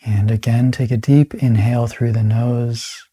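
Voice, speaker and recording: Speaking softly and breathily at a medium pitch, a man talks listeners through a meditation. He stays calm and soothing, pausing between phrases.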